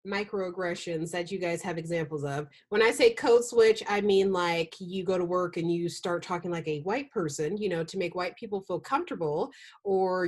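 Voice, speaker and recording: Woman hosting a podcast, direct. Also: lowish voice. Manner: direct, conversational question-asking. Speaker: podcast host. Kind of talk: casual podcast chat.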